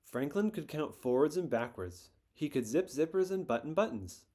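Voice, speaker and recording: A man with a slightly high voice reads a children's picture book aloud at a normal pace. His storytelling is gentle and expressive.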